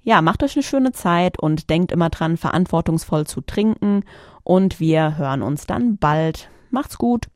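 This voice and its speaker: Animated and unhurried, this solo podcast host speaks in a fairly low, darkish voice. She chats casually in a studio while announcing something, often hunting for her words.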